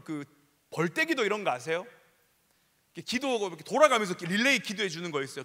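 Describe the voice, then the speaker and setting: A man in his thirties, a youth pastor, telling funny stories in a lively sermon in a large church. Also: high voice. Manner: animated, joking, acts out scenes. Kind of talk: storytelling sermon. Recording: long hall reverb.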